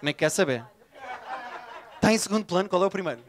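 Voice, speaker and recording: A man from Portugal with a Lisbon accent, performing an animated, profane stand-up set and riffing with the crowd. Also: high voice, quick pace. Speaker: stand-up comedian. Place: comedy bar before a live audience. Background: audience laughter.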